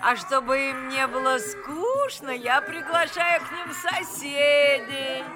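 A woman's voice: high-pitched, animated, slow. A fussy old cat lady. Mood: cooing. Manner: fussy, cooing. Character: old woman who dotes on her cats. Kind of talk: radio play acting. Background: music.

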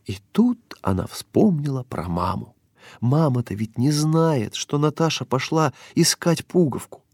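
A man narrating a children's story with an expressive, lilting read-aloud delivery. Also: on the high side, measured pace, no room sound, studio quality.

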